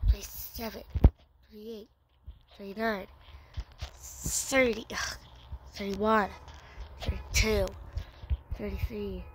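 A woman's voice: medium pitch, flat delivery, slow pace, pauses often, background noise. Goofy young woman doing a solo skit. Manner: goofy, slips into whispered asides. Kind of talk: silly solo comedy skit.

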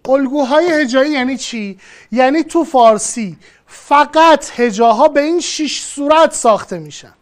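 A teacher with a high, lively voice gives a classroom lesson, explaining patiently step by step. They repeat points and speak directly to the student.

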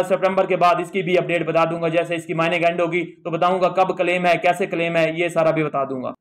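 Hosting a tutorial on YouTube, a man with a high voice talks through an app in a step-by-step voice-over. He keeps a steady, explanatory tone while leaning on one filler in nearly every phrase.

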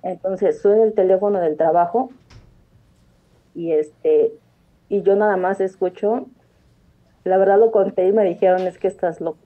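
A woman's voice: mid-range voice, fairly even intonation, unhurried, long pauses. A woman, calling in to tell a personal story earnestly, rambling with frequent restarts. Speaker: caller. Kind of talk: telling a personal story on a phone-in show. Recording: tinny phone line.

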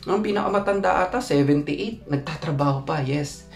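A man's voice: moderate pace, vocal fry, soft background music. Chatty man in an echoey room. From Philippines. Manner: chatty, often asks "no?" to the viewer; rises high when acting out his own thoughts. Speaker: vlogger. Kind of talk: casual storytelling vlog.

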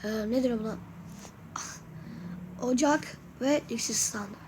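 A woman with a high voice gives casual gameplay commentary as a YouTuber. She talks chattily and keeps turning to her viewers, asking what they think. Faint noise sits under her voice. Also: unhurried. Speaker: gaming YouTuber.

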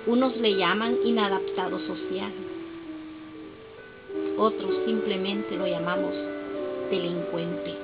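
Slow, solemn woman poet from Honduras. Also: medium pitch, steady tone, gravelly. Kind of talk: poetry recital speech. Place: festival stage at a podium. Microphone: podium mic, camera far off in the hall. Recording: dull lo-fi camera audio with loud music.

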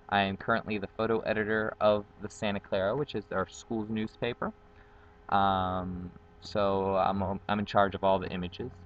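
On a patio with trees, a young man from Guatemala, a native Spanish speaker, introduces himself in a chatty, upbeat vlog packed with ums. He's a college dorm community facilitator filmed in close framing with the built-in webcam mic. His pitch is fairly low and the recording is muffled.

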